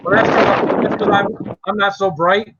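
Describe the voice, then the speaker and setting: A man's voice: high voice, fairly even intonation, moderate pace, very noisy. A man hosting a casual livestream chat in a chummy, self-deprecating way. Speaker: livestream host. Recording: dull lo-fi stream audio.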